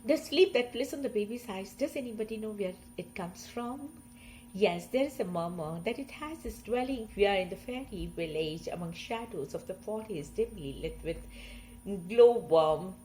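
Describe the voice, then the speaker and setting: A woman recites poems in a slow, expressive reading. Her loudness swells and falls with the lines. The delivery stays measured and deliberate. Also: mid-range voice, a little hiss or hum, low-quality recording. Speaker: poetry reader. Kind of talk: poetry recitation.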